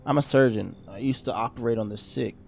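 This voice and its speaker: A man's voice: mid-range voice, a little fast, vocal fry, darkish tone, faint music behind, close to an everyday voice. Man doing a creepily polite wandering surgeon.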